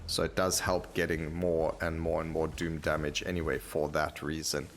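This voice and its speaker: A man hosts a gaming video, casually thinking aloud and explaining his choices to viewers as he plays, with video game music behind him. His voice is very deep and monotone at a normal speed.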